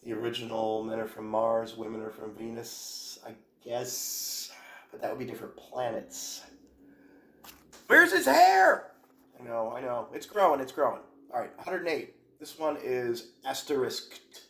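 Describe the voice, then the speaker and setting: A man's voice: mid-range voice, steady tone, moderate pace, a little hiss or hum. A man hosting a casual home video, reading quotations aloud one by one and adding wry asides. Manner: reads quotes aloud then adds wry asides. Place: home during quarantine. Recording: roomy echo.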